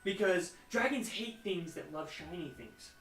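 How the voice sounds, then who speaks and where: A man's voice: high voice, expressive, measured pace, a bit bright, recorded from a distance, faint music behind. A man narrating as game master in a tabletop game, chatty and laughing often. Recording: echoey room, off mic.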